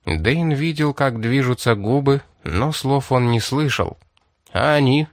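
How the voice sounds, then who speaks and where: A male narrator reads the chapter in a steady, measured way. His voice sits at an ordinary middle pitch. The sound is dry and close, with no room around it. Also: no echo. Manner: even, measured reading. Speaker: audiobook narrator. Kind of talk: scripted narration.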